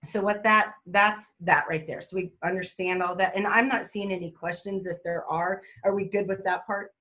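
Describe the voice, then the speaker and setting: A woman, talking excitedly and chattily on a video call about her mobile notary work, often laughing and rambling. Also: medium pitch, normal speed. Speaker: mobile notary guest speaker. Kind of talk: excited casual webinar talk.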